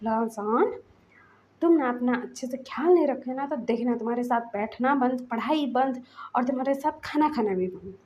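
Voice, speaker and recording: A woman voicing a hot-tempered young male college student who scolds and shouts angrily. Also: a little high, normal speed, a little hiss or hum, natural voice. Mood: angry scolding.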